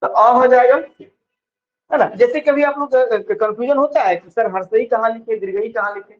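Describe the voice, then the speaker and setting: A male teacher from lecturing on vowels in a classroom style, often checking whether students follow. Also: very high-pitched. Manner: explains slowly, stretching example words. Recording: dull lo-fi sound.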